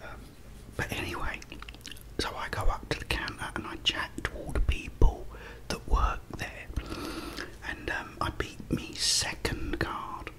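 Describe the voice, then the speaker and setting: A middle-aged man with a British accent, an ASMR creator, eats at a table in a dim indoor room and whispers a meandering story in an unhurried way, right up against the mic. The recording is low quality.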